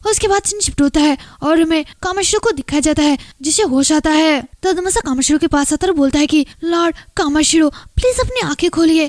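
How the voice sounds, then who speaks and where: A woman's voice: sits high, dry recording, studio quality. A woman retelling a story plot as a channel host, steadily reporting each character's lines in turn. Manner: steady recap, reporting every line of dialogue. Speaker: story explainer.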